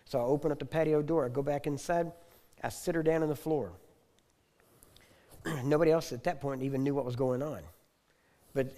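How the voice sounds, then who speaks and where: A male preacher with a mellow, darker tone recounts a personal testimony in sermon style. His storytelling is intense, circling back on repeated phrases and building to loud declarations. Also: mid-range voice. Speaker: preacher teaching on healing. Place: teaching hall.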